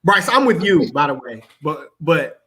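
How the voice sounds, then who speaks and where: A man's voice: a little high, big pitch swings, moderate pace, sharp tone. A man hosting a basketball podcast, laid-back and chatty, laughing and talking over his co-hosts. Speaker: podcast host. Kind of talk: casual sports podcast chat.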